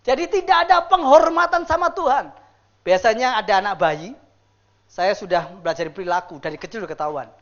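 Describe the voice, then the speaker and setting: A male pastor preaching a lively sermon to a church congregation, acting out the people he describes. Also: brisk, highs cut off. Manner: animated, acts out quoted people with big pitch swings. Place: church service.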